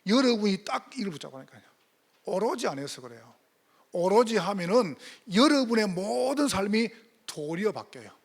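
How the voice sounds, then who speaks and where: A male pastor preaching a sermon, firing rhetorical questions and swinging between loud emphatic calls and hushed asides. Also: sits high, very animated, moderate pace.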